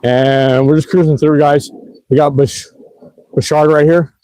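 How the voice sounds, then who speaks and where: An e-bike vlogger with a fairly high, warm voice narrates a night livestream through city streets at an unhurried pace and level tone. He rambles in a relaxed way, with lots of fillers and laughs. The recording is low quality, without room sound.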